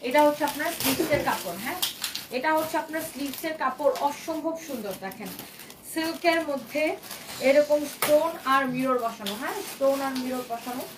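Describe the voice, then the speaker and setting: High-voiced Bangladeshi woman selling dresses live. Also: a little fast. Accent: Bangladeshi Bengali. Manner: repetitive, coaxing, mixes in English phrases. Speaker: online clothing seller. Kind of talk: live-stream sales pitch. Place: clothing shop. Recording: noisy live stream.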